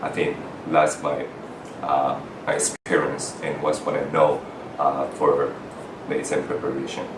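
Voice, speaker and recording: With a completely flat delivery, a middle-aged foreign-trained doctor from Taiwan earnestly tells the camera about his road to residency, stumbling through frequent "uh" fillers and restarts. His voice is very deep, the room echoey, the mic distant, and the background noisy.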